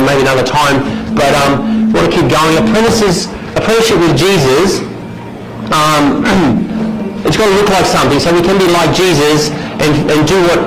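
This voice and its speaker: A middle-aged man from Romania, earnestly teaching a discipleship class and often restarting his sentences. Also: on the high side. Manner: earnest, restarts a lot, gestures while standing. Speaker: discipleship trainer. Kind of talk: teaching talk with stories. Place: small indoor meeting room. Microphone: far camera. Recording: echoey room with background noise.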